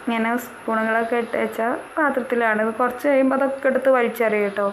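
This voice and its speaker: In a casual, chatty voice-over, a young woman vlogger describes her daily chores, her voice pitched a little high and her speech fast. She habitually adds a small word to the end of her sentences, while a faint household hum runs under the poor-quality audio.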